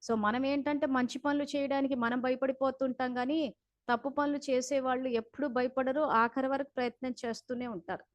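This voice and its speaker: A woman's voice: sits high, level tone, fairly quick, no room sound. A woman leading a spiritual class over a video call, talking earnestly and instructively while recounting heated phone calls.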